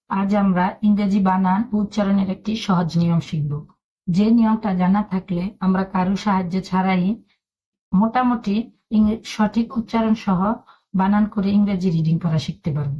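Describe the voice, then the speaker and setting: A woman's voice: mid-range voice, steady tone, fairly quick, warm tone. A woman teaching a spoken lesson, patiently spelling out words letter by letter.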